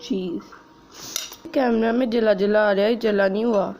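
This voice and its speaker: A woman's voice: mid-range voice, fairly even intonation, slow, darkish tone, a little hiss or hum, poor audio. Chatty woman vlogging at home on her phone. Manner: chatty, keeps calling viewers friends, coos at the small child. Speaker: family vlogger. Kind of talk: casual home vlog. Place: home kitchen, indoors. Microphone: phone camera.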